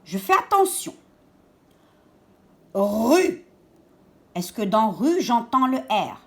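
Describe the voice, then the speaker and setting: A woman teaching young children, saying each word slowly and twice while giving step-by-step instructions. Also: a little high, very animated, a bit bright. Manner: slow, deliberate, repeats each word twice and stresses sounds. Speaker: schoolteacher. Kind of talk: remote lesson for young children.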